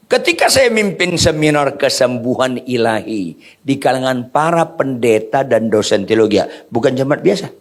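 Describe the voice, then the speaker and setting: A man preaching a sermon to a congregation, joking in casual slang and quizzing his listeners with questions. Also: medium pitch. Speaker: pastor.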